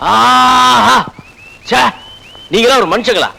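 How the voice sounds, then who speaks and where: A man's voice: extremely high pitch, takes it slowly, gravelly, bright, forceful tone, heavily acted, low-quality recording. An actor playing a cheeky young man who mocks and scolds the villagers in a comedy film. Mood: scornful. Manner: mocking, defiant speech to villagers. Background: film score.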